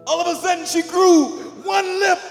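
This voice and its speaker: High-voiced man telling a comic story. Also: fairly even intonation, moderate pace, soft background music, a faint crowd. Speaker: storytelling performer. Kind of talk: comic spoken story over live music. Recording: echoey hall with live band.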